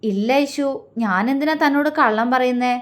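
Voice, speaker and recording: Casting: a gentle, quick-talking young man in a storybook romance, calm and teasing, read by a woman narrator. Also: high-pitched, close to an everyday voice.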